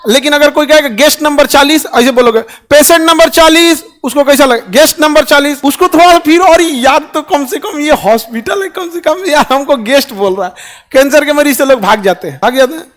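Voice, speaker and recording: A middle-aged man with a Bihari Hindi accent, giving a lively, joking informal talk to an audience and often asking them questions. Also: extremely high pitch, brisk. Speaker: teacher and public speaker.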